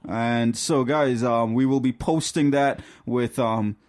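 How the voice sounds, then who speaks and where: A man's voice: mid-range voice, steady tone, slow, a little mellow. A young man from Trinidad co-hosting a casual podcast, upbeat and rambling, laughing often. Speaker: podcast co-host.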